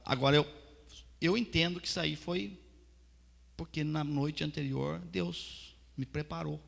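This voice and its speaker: A man preaching a sermon as pastor, telling his testimony with fervent storytelling that swings from soft to loud. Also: a little high, a little slow, gravelly. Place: church hall. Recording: reverberant church hall.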